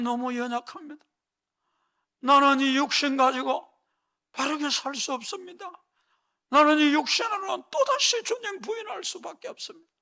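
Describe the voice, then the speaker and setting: A man's voice: very high voice, sharp tone, pitched above the performer's own voice, full character voice. A male pastor voicing a remorseful grown man weeping and pleading in prayer, his voice straining upward.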